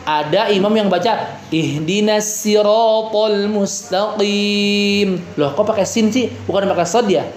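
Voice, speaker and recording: A man teaching a relaxed Quran reading class, slowly chanting verses and then explaining in a chatty way with lots of fillers and everyday examples. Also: high-pitched, reverberant, a little hiss or hum. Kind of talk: casual Quran reading lesson with recitation.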